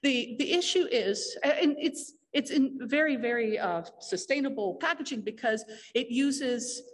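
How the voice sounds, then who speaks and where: A woman's voice: a little high, lively intonation, a little slow. A woman giving a technical conference talk in a lecture hall, explaining with frequent fillers and restarts. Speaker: conference speaker.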